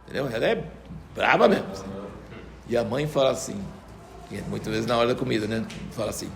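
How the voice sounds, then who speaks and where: An older man teaches a Bible lesson. He tells stories in an animated way and acts out the voices of the people he quotes. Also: mid-range voice, fast talker, creaky, noisy background. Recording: roomy echo.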